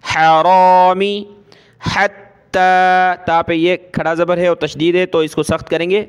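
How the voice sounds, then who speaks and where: A man teaching Quran recitation with a Pakistani Urdu accent. He spells out letters and vowel marks, then chants each word slowly and draws it out, with quick explanatory asides in between. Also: fairly high pitch, flat delivery, clear, resonant tone. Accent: Urdu-speaking, Pakistani. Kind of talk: step-by-step recitation lesson.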